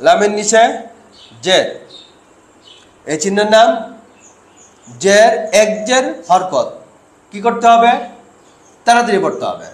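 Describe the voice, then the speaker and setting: A man's voice: sits high, sing-song, takes it slowly, long pauses, echoey room, poor audio. A man teaching Quran recitation step by step, asking questions and answering them himself while he drills syllables.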